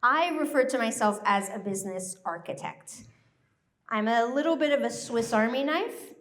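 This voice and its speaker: An American woman who grew up in Thailand, giving a joyful, animated live presentation to a workshop group. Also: on the high side, moderate pace. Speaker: workshop speaker.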